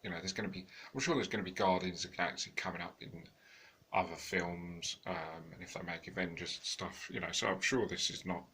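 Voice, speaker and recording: A man with a deep voice reviews a film in an unscripted, meandering way. He restarts his sentences and leans on fillers, and he sounds tired. His tone stays bright and pushy despite the low pitch. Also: a little fast, slight background noise. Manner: rambling, many fillers and restarts. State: tired, yawning. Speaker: home video reviewer.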